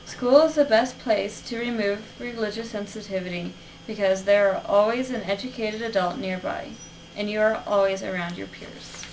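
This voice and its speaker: A woman's voice: medium pitch, moderate pace. Young woman giving a class speech, distant mic. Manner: earnest, structured delivery. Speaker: student. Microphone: camera at a distance. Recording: distant camera with faint hiss.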